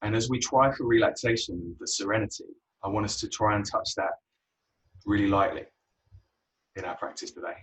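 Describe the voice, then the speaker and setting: A man guiding a yoga class, relaxed and unhurried, with frequent ums. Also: on the low side, far from the mic, low-quality recording. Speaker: yoga teacher.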